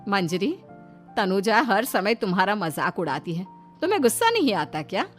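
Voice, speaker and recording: A middle-aged village mother-in-law gives orders in a scolding, commanding tone, as a woman voices her. Her voice sits at a mid pitch in this cartoon story, with faint music underneath. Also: big pitch swings, moderate pace, natural voice.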